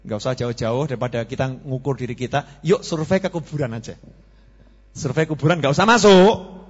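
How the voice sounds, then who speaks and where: A man's voice: mid-range voice, brisk, breathy edge. A man with a Javanese accent preaching a sermon to a congregation, joking and asking the audience questions, slipping Javanese words into his talk. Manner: mixes Javanese into Indonesian. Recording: reverberant, dull lo-fi hall recording.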